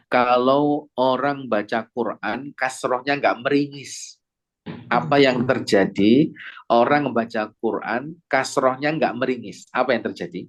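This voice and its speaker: A man teaching Quran recitation to a class, asking questions and demonstrating sounds in slow, drawn-out recitation. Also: mid-range voice. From Indonesia. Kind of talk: classroom lesson with audience replies.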